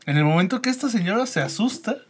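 A Mexican man in a casual podcast chat, telling a rambling story that trails off softly. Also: sits high, expressive, quick pace, husky. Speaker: podcast co-host.

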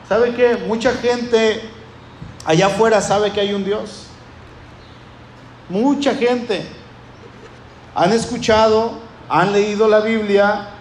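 High-voiced preacher in echoey hall. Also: male voice, slight background noise. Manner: impassioned, repetitive, building emphasis. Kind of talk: sermon.

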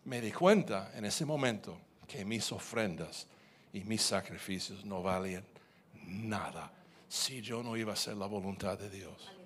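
A man preaching, telling his own testimony as a story, animated and repeating words as he goes. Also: fairly low pitch, a little slow.

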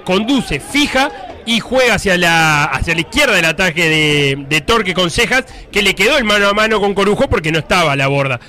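A Uruguayan man works as a radio football analyst, breaking down plays in an explanatory, unscripted way. His voice sits high for a man and sounds bright and insistent. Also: animated, a little fast. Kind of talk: spontaneous tactical radio commentary.

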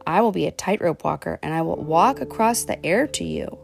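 A woman reading aloud, voicing a patient, loving mother rabbit in a storybook in a calm, steady, reassuring manner. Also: deep voice, fairly quick, creaky, faint music behind, full character voice. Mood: tender.

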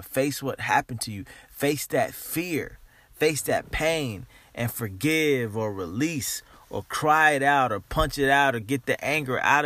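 A man with a mid-pitched voice gives an informal motivational monologue as a podcast host. He is emphatic, repeating phrases and leaning on key words. The recording is dry and free of room sound. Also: fairly bright tone, no room sound.

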